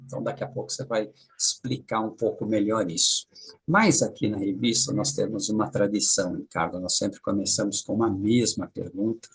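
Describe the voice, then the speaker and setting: A man's voice: fairly low pitch, slightly rough. A man hosting an interview for a magazine, asking welcoming, upbeat questions.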